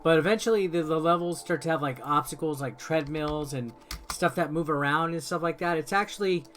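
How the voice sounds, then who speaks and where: His voice is a little high and a bit bright, and he talks briskly. As host of the video, he gives informal, wandering gameplay commentary step by step while game music plays underneath.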